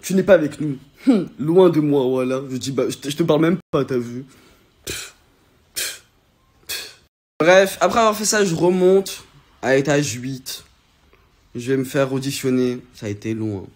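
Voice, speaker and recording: A young man, an influencer, telling a personal story to his followers in a casual, slangy way, swinging between loud outbursts and low mutters. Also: moderate pace, long pauses.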